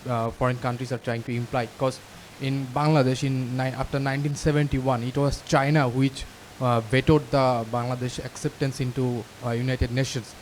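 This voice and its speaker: A man in the audience asks the panel a question, stopping and restarting often. He speaks in a flat, even tone. A faint hiss sits under the recording. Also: medium pitch, poor audio. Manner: halting, flat delivery. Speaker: audience member asking a question.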